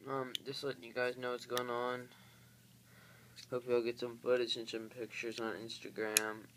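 A man's voice: medium pitch, monotone, moderate pace, a bit bright. A young man rambling casually through a vlog, with lots of ums and likes, filmed on his phone. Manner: rambling, filler-heavy. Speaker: vlogger. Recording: noisy phone recording.

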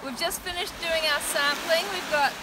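A woman's voice: very high voice, fairly even intonation, moderate pace, noisy background. A woman marine researcher explaining her fieldwork outdoors on a shoreline, in an upbeat, explanatory way. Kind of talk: field documentary narration.

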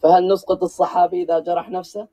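Measured, scholarly man with mellow tone. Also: high voice, little pitch movement, low-quality recording. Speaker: debate panelist. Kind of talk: formal religious argument.

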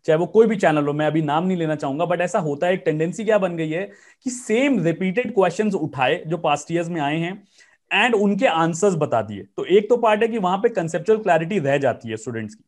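High-voiced male exam coach. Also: expressive, brisk. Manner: explanatory, earnest teaching tone. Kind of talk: interview in Hindi mixed with English.

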